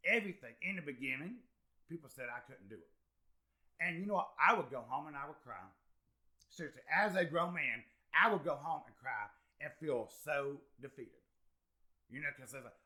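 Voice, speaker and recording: Animated, bright-voiced man telling his story. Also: a little high. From South Carolina. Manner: earnest and encouraging, animated, with many fillers. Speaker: interview guest, actor and comedian. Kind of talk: candid conversational interview.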